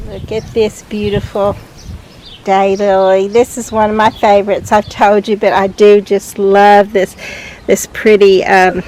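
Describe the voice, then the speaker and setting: A woman's voice: mid-range voice, little pitch movement, unhurried, darkish tone, poor audio. A woman chatting casually and cheerfully as she gives a garden tour outdoors. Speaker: gardening vlogger. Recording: clear outdoor background noise. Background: outdoor ambience.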